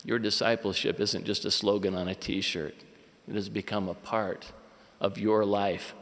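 Earnest man preaching in a huge hall. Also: fairly low pitch. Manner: earnest, measured delivery. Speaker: church leader giving a conference talk. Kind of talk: sermon. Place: large conference hall. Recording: long reverb of a large hall.

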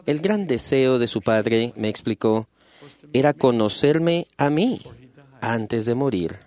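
A man speaking at a church meeting, telling a personal story as a sermon in a measured, earnest way and slowing on key phrases. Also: mid-range voice, expressive, a little mellow.

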